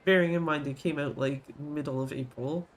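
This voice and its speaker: A man's voice: a little high, fairly even intonation, moderate pace, faint music behind. A man giving casual commentary as he streams a video game. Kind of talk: casual gameplay commentary, reading game dialogue aloud. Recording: clear background noise.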